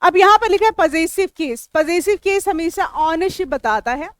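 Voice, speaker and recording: A woman's voice: extremely high pitch, lively intonation, moderate pace, no echo. A woman with an Indian accent, teaching English grammar to a classroom, explaining step by step and quizzing her students. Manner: chatty and joking with students. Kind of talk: classroom lecture.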